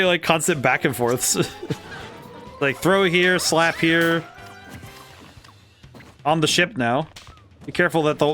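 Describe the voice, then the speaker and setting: A man's voice: on the high side, a bit bright. Giggly man streaming games over music. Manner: chatty, giggly, self-correcting with frequent laughs. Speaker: streamer and game designer. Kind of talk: casual live-stream commentary while playing.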